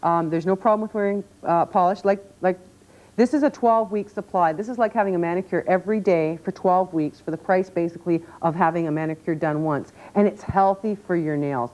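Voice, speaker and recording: A woman's voice: lowish voice, a little fast, darkish tone. A woman presenting a product demonstration on home shopping, explaining insistently and repeating key words for emphasis. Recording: dull lo-fi TV audio.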